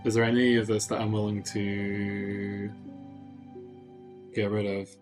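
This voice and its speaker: A man's voice: fairly low pitch, level tone, slow pace, music in the background. A man giving casual gameplay commentary on a livestream, thinking aloud and joking with his chat. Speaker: streamer.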